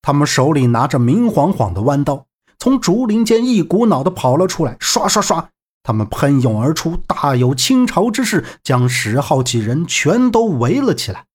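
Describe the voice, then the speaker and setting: A man narrating a martial-arts audiobook with lively storytelling. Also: on the high side, normal speed, breathy edge.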